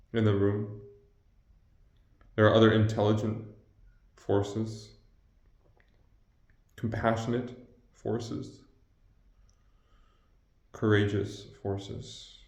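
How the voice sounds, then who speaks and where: A person speaking slowly and earnestly through a deep pitch-shift effect, reflecting aloud to a camera. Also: darkish tone. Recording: echoey, slightly dull audio.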